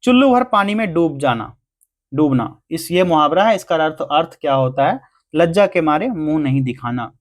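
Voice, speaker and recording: Man, fairly high voice, exam-prep teacher, walks through answers, asks and answers his own questions. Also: animated, normal speed. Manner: explains answers step by step, asking and answering himself. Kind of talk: Hindi grammar lesson.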